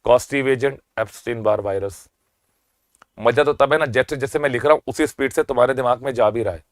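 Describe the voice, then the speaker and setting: Energetic, teasing Indian male lecturer. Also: medium pitch, no room sound, clean studio sound. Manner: energetic and teasing, stretches key terms slowly; quizzes the class and answers his own questions. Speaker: medical exam lecturer. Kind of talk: rapid-fire revision lecture.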